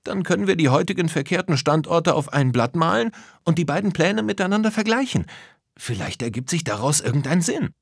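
A man voicing a bright, eager young girl in a storybook, lively and excited. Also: a little high, fairly quick, gravelly, breathy edge, no echo, studio quality, voice pushed up, heavily acted. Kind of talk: storybook character voice.

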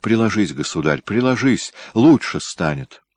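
A man's voice: fairly low pitch, lively intonation, a little slow, voice pushed up. Man voicing a timid, meek young prince. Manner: soft, pleading, deferential.

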